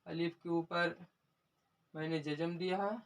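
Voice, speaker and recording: Slow-paced man teaching an alphabet lesson. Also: a little high, fairly even intonation, poor audio. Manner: slow and repetitive, addresses viewers as friends. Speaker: language teacher. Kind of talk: unscripted lesson walkthrough.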